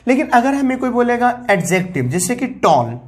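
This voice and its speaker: A woman with a fairly high voice teaches a grammar lesson in an explanatory, step-by-step way. She repeats each key term and spells words out letter by letter, calling her viewers guys. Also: big pitch swings, moderate pace, a little mellow. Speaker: English teacher.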